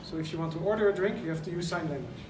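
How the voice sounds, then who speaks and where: This event organizer from the Netherlands speaks animatedly and in rapid-fire bursts while giving a press conference talk, still walking through his points earnestly one at a time. For a man, his voice is slightly high. The large indoor venue makes the audio roomy and noisy, and the microphone sits far off.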